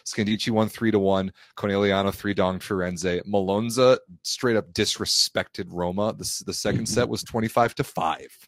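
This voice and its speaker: A man co-hosting a sports podcast, speaking in a matter-of-fact, blunt and brisk way. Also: on the low side, fairly even intonation, no room sound. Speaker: podcast co-host. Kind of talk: casual sports chat.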